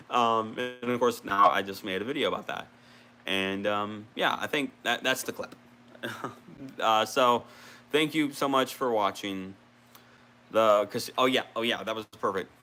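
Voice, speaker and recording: A man's voice: on the low side, measured pace, long pauses, sharp tone. A man rambling casually on a gaming vlog, restarting sentences and swearing now and then. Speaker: video creator.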